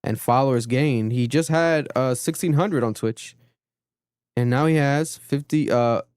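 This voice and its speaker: A young man hosting a casual podcast, telling stories in an animated way and acting out what other people said. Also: mid-range voice, measured pace, smooth, dry recording, studio quality. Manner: animated storytelling, acts out quotes. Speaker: podcast host.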